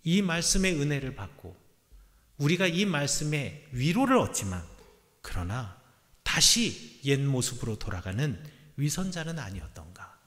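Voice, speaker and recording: A male pastor preaching a Sunday sermon earnestly, rising to emphatic peaks and dropping to soft, low endings. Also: big pitch swings, measured pace. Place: church sanctuary. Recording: church sanctuary with long reverb.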